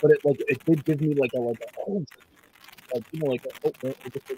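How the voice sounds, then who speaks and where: A man's voice: fairly high pitch, fairly even intonation, dark tone, husky. A man chatting casually on a podcast over an online call whose audio keeps breaking up and going muffled; he rambles and trails off. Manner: rambling, halting, lost for words. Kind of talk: casual chat. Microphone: computer mic over an online call. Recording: distant, cutting-out call audio.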